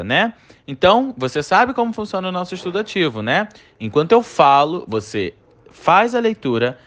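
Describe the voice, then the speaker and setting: A man teaching an online English lesson, explaining patiently and checking in with his students often. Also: on the high side.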